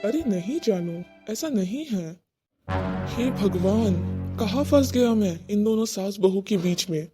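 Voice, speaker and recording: A woman's voice: mid-range voice, expressive, unhurried, music in the background, lightly acted. A woman voicing a flustered young husband who pleads and tries to placate his mother and his wife. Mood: pleading.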